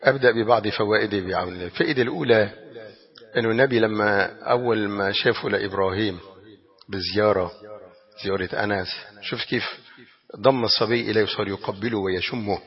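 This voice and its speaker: A man with a Levantine Arabic accent giving a religious lesson, explaining a text with animated rhetorical questions. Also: fairly low pitch, fast talker, long pauses, big-room sound, dull audio. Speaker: religious teacher.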